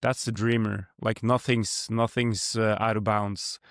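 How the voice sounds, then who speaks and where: A young Norwegian man with a Norwegian accent hosts a casual podcast conversation, musing in a rambling, reflective way with many fillers. His lowish voice is flat, unhurried, and fairly bright, recorded in clean studio sound with no echo.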